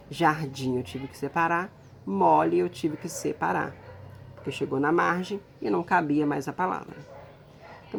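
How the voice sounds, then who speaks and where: A woman's voice: sits low, vocal fry, a little hiss or hum. A woman teacher giving a recorded lesson, explaining patiently step by step and checking in with her students.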